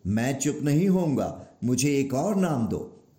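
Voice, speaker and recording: A man voicing a stubborn divine boy who keeps demanding names, speaking slowly and insistently in a storybook telling. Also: mid-range voice, sing-song, mellow, roomy sound. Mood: defiant. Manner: slow, insistent, defiant. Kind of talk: storybook narration.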